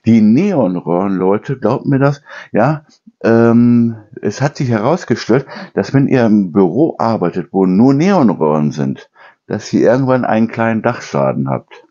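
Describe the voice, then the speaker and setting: A man with a low, mellow voice chats casually in his kitchen, his pitch swinging widely as he rambles. He often corrects himself mid-sentence and breaks into imitated noises. The sound is dull and lo-fi. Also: animated, unhurried. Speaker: channel host.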